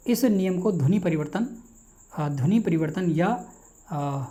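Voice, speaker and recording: Male teacher with a Hindi accent, mellow, rapid delivery that keeps quizzing the class. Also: high-pitched, animated. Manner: rapid, repetitive, quizzes himself aloud. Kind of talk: online exam-prep lecture.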